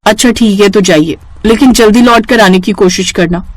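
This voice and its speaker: A woman's voice: mid-range voice, moderate pace, no room sound, natural voice. A woman voicing a young wife who talks with snappy, emotional force. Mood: pleading. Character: young wife, sharp and sulky.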